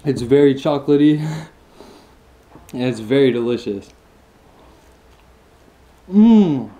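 A man's voice: medium pitch, a little slow, dark tone. A man in his twenties giving a casual mukbang tasting review, enthusiastic and chewing between lines with long mmm sounds. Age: 20s. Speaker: food vlogger.

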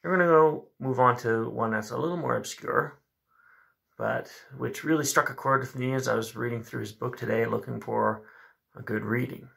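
This poetry video host, a man in his thirties, mixes recitation with relaxed, thoughtful commentary from a small indoor room at home lined with a bookshelf. His voice is medium in pitch, gravelly and fairly bright, at a moderate pace.

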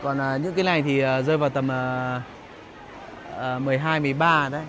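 A man with a mid-range voice and steady tone talks fairly quickly over a crowd, acting as a vlog host giving casual, hesitant walking-tour commentary. He searches for words as he moves through a busy outdoor market and street, with noisy market ambience all around.

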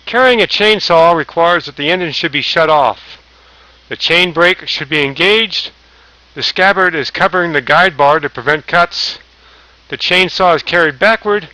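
A man's voice: fairly high pitch, normal speed, bright, forceful tone, no room sound, rough recording. A man narrating a safety training slideshow, reading lists aloud with small slips and restarts. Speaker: safety instructor.

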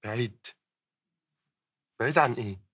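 An actor playing a concerned friend who presses with questions and urges a broken man to calm down, in Egyptian Arabic. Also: medium pitch, moderate pace, breathy edge. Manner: soothing, questioning, urgent.

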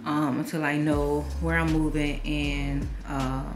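A woman's voice: low voice, flat delivery, takes it slowly, over music. A young woman casually walking through her apartment on camera, rambling with lots of fillers and restarts. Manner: rambling, filler-heavy, self-correcting. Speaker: home vlogger. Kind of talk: casual home tour narration. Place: small apartment, indoors.

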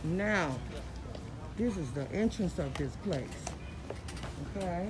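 Woman, 30s, casual vlog, blunt and chatty, phone mic, loud background noise. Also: lowish voice, lively intonation, slow pace. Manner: chatty, blunt, laughing, talks to viewers as y'all. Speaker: vlogger. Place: outdoor parking lot, then big indoor flea market.

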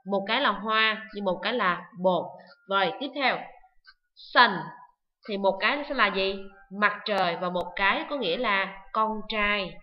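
A woman teaching an online English lesson, loudly repeating words and often checking whether the students follow. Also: medium pitch, moderate pace, highs cut off. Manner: drills words loudly with repetition; asks students frequent checking questions.

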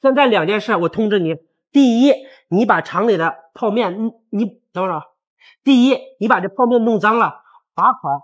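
A man acts out a swaggering factory supervisor who bullies everyone beneath him, jeering and taunting in a high, swooping voice. His husky tone gives the mockery a rough, scornful edge. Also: expressive, brisk, lo-fi sound. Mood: domineering. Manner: taunting, jeering, often laughing. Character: arrogant bullying male factory supervisor, mocking. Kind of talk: short-video skit acting.

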